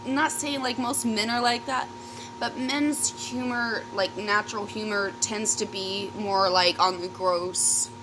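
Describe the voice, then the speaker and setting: A woman's voice: medium pitch, fairly even intonation, unhurried, noisy background. A woman vlogger chatting casually in a rambling, sweary storytime, often trailing off and interrupting herself. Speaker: YouTube vlogger. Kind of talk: casual rambling storytime chat while eating.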